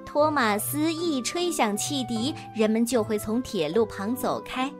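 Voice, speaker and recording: A woman's voice: fairly high pitch, animated, measured pace, music in the background. A woman narrating a children's story in a playful, sing-song storyteller's manner.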